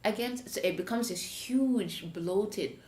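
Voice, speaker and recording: A woman's voice: mid-range voice, slow pace, a little hiss or hum. A woman with a Jamaican accent hosting a podcast, telling a story in casual chat and acting out the voices. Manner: animated, acts out voices when retelling. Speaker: podcast host. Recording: roomy echo.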